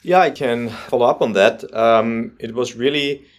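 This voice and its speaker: A man's voice: medium pitch, unhurried. A middle-aged man from Austria, a surgeon and guest on an interview podcast, speaking in a friendly way with frequent fillers.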